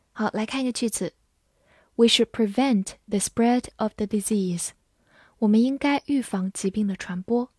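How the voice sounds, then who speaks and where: Slow, clear woman teaching English words. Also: a little high, a little mellow, no echo, studio quality. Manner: spells words letter by letter and reads example sentences very slowly. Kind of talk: scripted vocabulary lesson.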